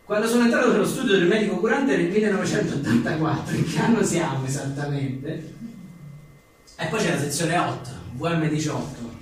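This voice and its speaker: With a somewhat high voice and a brisk delivery, a man reads his own humorous one-liners at a live book presentation, slipping in casual asides. The writer and journalist is wry and joking, often chuckling, recorded on a distant mic in an echoey room with faint noise.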